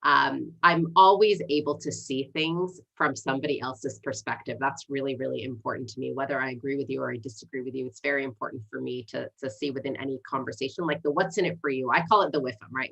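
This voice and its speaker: A woman with a bass voice talks fast with fairly even intonation, vocal fry, a breathy edge, a slightly bright tone and hardly any pauses, on a rough recording. In her forties and a second-language English speaker, she was born in Egypt, raised in Canada and the United States, and earnestly presents herself as a city council candidate on a livestream interview.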